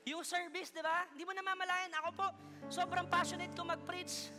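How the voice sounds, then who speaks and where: Man, Filipino accent, pastor, high voice, lively sermon, music behind. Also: fairly quick. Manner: lively preaching with playful asides to the congregation. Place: church hall.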